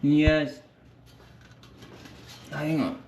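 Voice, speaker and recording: A man's voice: a little high, fairly even intonation, drawn-out words, gravelly, darkish tone. A man talking casually and plainly as a DIY mechanic showing his work, unscripted and laid-back. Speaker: DIY truck mechanic vlogger and welder. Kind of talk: casual, unscripted vlog talk.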